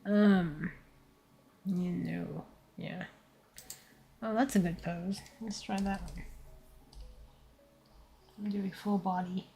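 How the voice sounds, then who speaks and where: A woman in her twenties chatting casually and thinking aloud while drawing on a stream, in a tired, low-energy, laid-back voice, into a desk mic. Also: fairly even intonation, slow, vocal fry, pauses often, warm tone, slight background noise. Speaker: VTuber streamer. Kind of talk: casual art stream chat. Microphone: desk microphone set to surround pickup.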